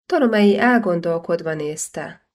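A woman narrating a historical novel as an audiobook, in a measured, even reading. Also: lowish voice.

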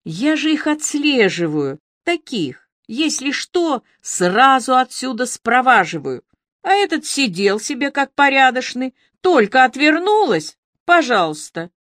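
A woman reading the part of a tearful, desperate young female bartender, raised in pitch. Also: sing-song, measured pace, fairly bright tone, no room sound, studio quality, heavily acted.

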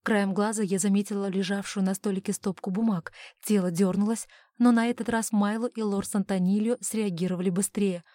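A woman's voice: medium pitch, steady tone, a little fast, dark tone, dry recording, studio quality. A woman narrating a first-person fantasy audiobook in tense, clipped phrases.

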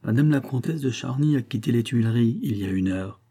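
A man's voice: medium pitch, fairly quick, mellow, natural voice. A man reading an audiobook and voicing a queen who answers in cold, curt replies.

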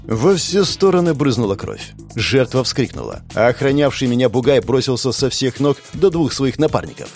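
A man's voice: medium pitch, big pitch swings, normal speed, creaky, hardly any pauses, darkish tone, faint music behind. A man giving dramatic, intense narration of a combat fantasy audiobook. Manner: intense, gritty storytelling.

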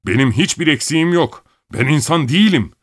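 A man voicing a furious, tyrannical middle-aged father who shouts and rants bitterly at his family. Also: fairly high pitch, lively intonation, fairly quick, no room sound, clean studio sound, pitched above the performer's own voice. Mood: raging. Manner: bellowing, bitter, ranting.

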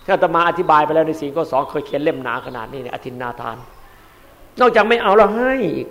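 A man, a Buddhist monk, giving a dharma sermon in an emphatic way, repeating key words and swinging between loud and soft. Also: a little high, sing-song, quick pace.

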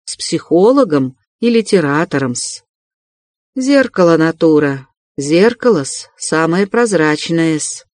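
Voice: mid-range voice, animated, slow pace, darkish tone, no room sound, clean studio sound. A reader voicing a fussy, ingratiating middle-aged male investigator in an audiobook, wheedling and chuckling. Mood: sly, chuckling. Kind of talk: audiobook character reading.

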